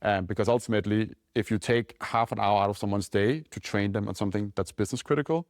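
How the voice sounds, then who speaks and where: A Danish company founder with a fairly low voice answers questions in a casual podcast interview. He talks quickly and loosely, peppering his speech with "like" and "right?", and the dry recording has studio quality.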